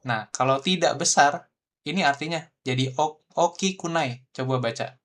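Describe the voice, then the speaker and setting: A man's voice: fairly high pitch, normal speed, a bit bright. A man teaching a beginner Japanese class online, explaining patiently in a casual way, over a video call. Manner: explains patiently, with frequent gitu ya fillers.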